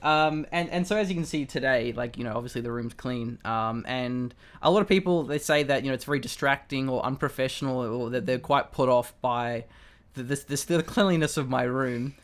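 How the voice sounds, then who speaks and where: A man's voice: medium pitch, a little fast. A young man with an Australian accent, co-hosting a casual chat over a webcam, rambling with many restarts and fillers. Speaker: co-host.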